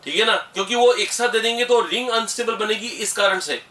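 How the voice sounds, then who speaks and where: Guy teaching chemistry, high voice, keeps quizzing the class and repeating stuff, roomy echo, mic off at a distance. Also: fairly quick, sharp tone. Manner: addresses students as "beta", repeats terms, asks and answers own questions. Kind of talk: classroom lecture mixing Hindi and English. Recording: echoey room, far from the mic.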